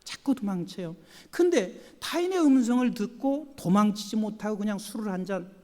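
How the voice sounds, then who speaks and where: A man preaches in a big, echoing church hall. His voice sits high and swings widely in pitch as he tells stories and acts out the quotes in them. The reverb hangs long after each phrase. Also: moderate pace. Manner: animated storytelling with acted quotes. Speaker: pastor. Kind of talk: sermon.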